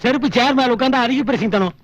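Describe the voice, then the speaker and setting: A man's voice: extremely high pitch, no echo, muffled recording. An actor playing a melodramatic, fawning comic servant and bride's father in a film, with theatrical self-pity. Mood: pleading. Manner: wailing, theatrical self-pity with fast chatter. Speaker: estate worker and bride's father.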